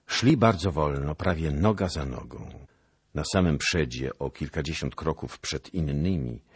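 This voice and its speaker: A man narrating a literary audiobook in an expressive, theatrical reading. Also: rumbling low, slightly rough, no room sound, studio quality.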